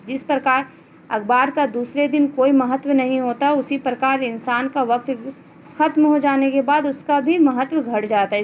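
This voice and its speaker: A woman teacher with a high, light voice leads an online lesson. She reads verse lines at an unhurried pace and then talks through their meaning simply. A faint hiss sits under the recording. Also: rough recording. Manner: recites verse lines slowly, then explains them plainly. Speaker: Hindi teacher. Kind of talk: online class lesson, explaining a poem.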